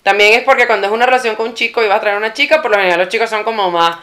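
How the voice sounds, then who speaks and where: A woman's voice: a little high, racing, fairly bright tone. A woman co-hosting a casual chat show, playful and direct as she gives advice to viewers. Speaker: co-host. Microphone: video camera setup.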